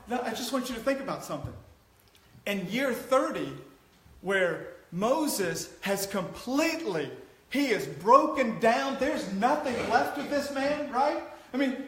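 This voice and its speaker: A man's voice: very high voice, fairly bright tone, slight background noise. A man preaching a sermon, chatty and joking with the congregation, then building to a passionate exhortation. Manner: conversational, rising to passionate exhortation. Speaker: pastor. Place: church sanctuary. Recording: echoey church hall.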